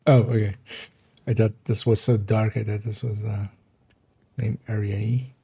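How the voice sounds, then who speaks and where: Rambling man with a mellow voice. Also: lowish voice, flat delivery, moderate pace, husky. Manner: rambling, giggly, restarts sentences often. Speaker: game streamer. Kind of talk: casual gameplay commentary.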